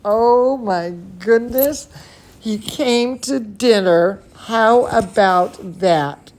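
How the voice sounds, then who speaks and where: Speaking very slowly at a fairly high pitch, a woman who teaches at a dance studio reads bedtime stories to young children and chats with them cozily. Her delivery is expressive, soothing, and singsong, and she talks playfully as if to a pet or companion.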